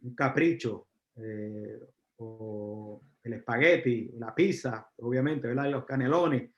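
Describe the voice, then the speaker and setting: A man with a Puerto Rican accent lectures to a room, stopping often on fillers and turning questions out to his listeners. His voice sits at an ordinary middle pitch. The recording is roomy and slightly dull, as if caught from across a lecture room. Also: slow pace. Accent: Puerto Rican Spanish. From Puerto Rico. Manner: frequent fillers, asks the audience questions. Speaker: university lecturer. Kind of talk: live lecture to an audience.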